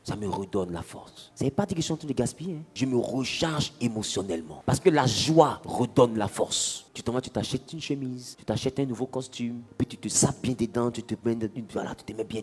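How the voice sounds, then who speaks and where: A man's voice: mid-range voice, animated, a little fast, few pauses, darkish tone, husky. A man preaching a sermon, questioning the congregation and acting out little scenes. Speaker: pastor.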